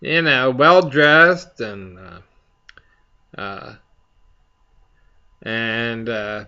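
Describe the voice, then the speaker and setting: Bright, clear-voiced man chatting haltingly. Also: mid-range voice, expressive, muffled recording. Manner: halting, slow to find words. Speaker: pipe hobby video host. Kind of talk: casual rambling chat to viewers.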